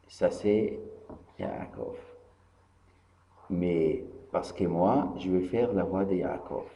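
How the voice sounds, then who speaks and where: A rabbi from Tunisia gives a Torah lesson, telling the story in a lively way, acting out the dialogue and repeating the key phrases. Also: male voice, low-pitched, roomy sound. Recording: dull lo-fi archive recording with faint hum.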